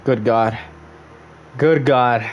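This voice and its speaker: A man's voice: medium pitch, fairly even intonation, extremely slow, muffled recording, slight background noise. A young man chatting casually on a gaming livestream, greeting viewers and breaking into melodramatic outbursts.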